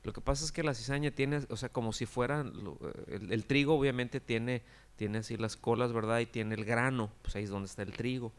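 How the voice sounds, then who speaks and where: A man's voice: medium pitch, fairly even intonation, a little fast, smooth. A man, a pastor giving a conversational sermon full of rhetorical questions to his congregation. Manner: acts out quoted characters with exaggerated cries.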